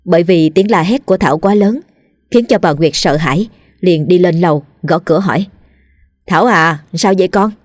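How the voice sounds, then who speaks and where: A woman narrating a ghost story in a steady, dramatic telling. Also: on the low side, a little fast, dry recording, clean studio sound. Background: faint music.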